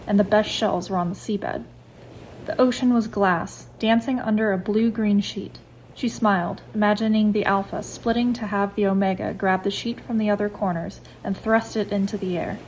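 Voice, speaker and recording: An American woman reads a fantasy chapter audiobook-style in a soft, hushed, even voice. Her pitch is middling. A faint hiss of room noise sits under her reading. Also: low-quality recording. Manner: soft, quiet, steady narration. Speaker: author reading her own novel.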